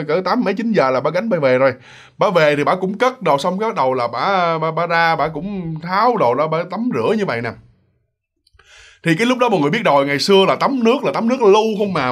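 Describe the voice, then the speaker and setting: A man telling a ghost story in a casual, chatty way, often turning to speak straight to his listeners. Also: a little high. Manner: chatty, addresses listeners directly.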